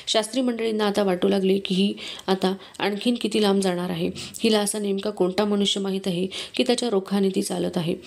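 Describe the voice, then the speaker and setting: A woman reading a devotional book aloud in steady, measured storytelling. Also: mid-range voice. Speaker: book reader.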